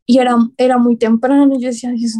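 A young woman with a Colombian accent chats as a guest, spinning lively anecdotes and acting out what others said. Her voice sits high, with a soft, mellow tone. She talks in an easy, conversational way. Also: fast talker. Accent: Colombian Spanish. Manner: lively, acts out quotes, laughs often. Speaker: guest, writer. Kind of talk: casual storytelling conversation.

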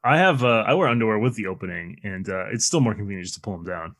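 A man co-hosting a casual movie podcast, trading crude quick quips. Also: on the low side, expressive, a bit bright, no echo, studio quality. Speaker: podcast co-host.

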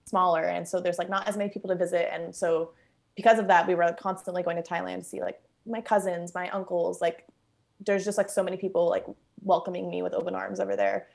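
Her fairly low, slightly mellow voice comes out fast and carries vocal fry. The young woman, born in Bangkok and brought up in Los Angeles, is a relaxed interview guest at home, close to the kitchen. She fills her talk with fillers and laughs easily.

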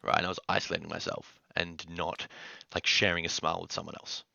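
A man's voice: low voice, completely flat delivery, a little fast, creaky, bright, forceful tone, no room sound, dull audio. A young man talking as a podcast guest in casual chat, earnest and upbeat, often adding "man". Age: young adult. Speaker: podcast guest, gym content creator.

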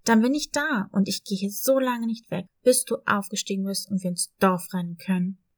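A woman's voice: medium pitch, moderate pace, pitched below the performer's own voice, close to an everyday voice. A woman voicing a kind, brave male puppy who talks in a reassuring, protective way.

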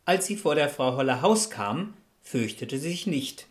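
A woman narrating a fairytale radio play in a measured storytelling manner. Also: deep voice, lively intonation.

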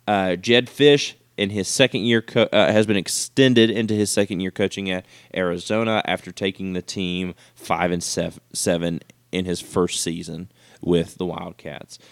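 Man, low voice, dry close sound, casual sports co-host, loose restarts. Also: fairly even intonation, normal speed, dry recording. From West Virginia fan. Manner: reads news items with fillers and restarts. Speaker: podcast co-host.

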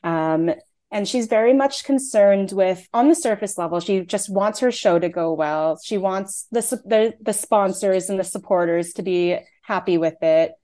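This young woman from Canada, in her twenties, works as both a playwright and an actor. Her voice is mellow, medium-pitched, and at a normal pace as she casually answers interview questions, peppering them with "um" and "like."

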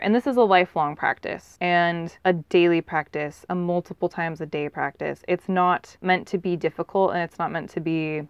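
A woman speaking as a wellness coach on a podcast, gently and soothingly guiding listeners to tune in to their bodies. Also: lowish voice, smooth, no room sound, dull audio. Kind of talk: guided body-awareness talk in a podcast conversation.

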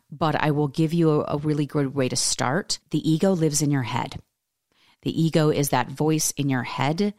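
A woman's voice: extremely low pitch, gravelly, dry recording, clean studio sound. A woman hosting a podcast, talking earnestly in a casual monologue full of rhetorical questions. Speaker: podcast host and coach.

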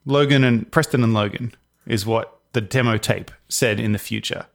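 A man's voice: on the low side, moderate pace, vocal fry. A man co-hosting a podcast, chatting casually in a blunt, sweary way. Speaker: podcast co-host. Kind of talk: casual chat.

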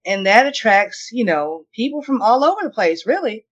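With a fairly high, very lively voice at an ordinary speed, a middle-aged woman tells stories on the podcast she co-hosts. She's chatty, emphatic and full of opinions, and the recording sounds lo-fi.

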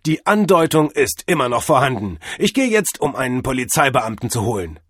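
A man doing a loud, bullying young man. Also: medium pitch, big pitch swings, fairly quick, slightly rough, no room sound, pitched above the performer's own voice. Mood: mocking. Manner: loud, sarcastic, overbearing.

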